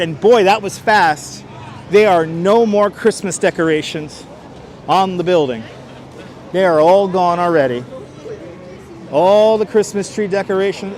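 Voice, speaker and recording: A man's voice: high voice, darkish tone, a little hiss or hum. Chatty New man on a walking stream. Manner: chatty, reads chat aloud, chuckles often. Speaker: livestream host. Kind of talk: live walking stream narration. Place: city street outdoors. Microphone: wireless clip-on mic.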